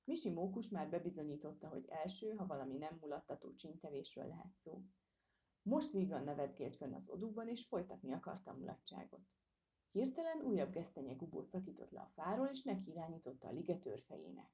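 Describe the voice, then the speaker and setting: A woman reading a children's storybook aloud with expressive narration. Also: low-pitched.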